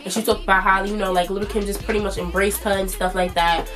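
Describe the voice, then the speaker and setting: A woman's voice: medium pitch, little pitch movement, quick pace, fairly bright tone, faint music behind. A woman in her twenties with a stuffy, nasal voice, chatting loosely as a vlog host with plenty of fillers. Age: 20s. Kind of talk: casual commentary.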